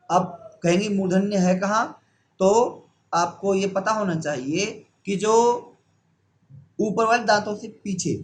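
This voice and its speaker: Slow, high-voiced man teaching pronunciation. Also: a little hiss or hum. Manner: asks questions and answers them himself; slow, repeating key terms. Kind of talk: classroom-style lesson.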